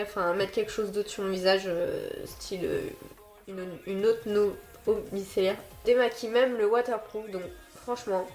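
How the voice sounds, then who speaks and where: A woman's voice: medium pitch, darkish tone. A woman with a very nasal, stuffed-up voice, sick with a blocked nose, chatting casually and apologetically to viewers as she recommends beauty products. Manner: self-deprecating, apologetic. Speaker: beauty and haul vlogger.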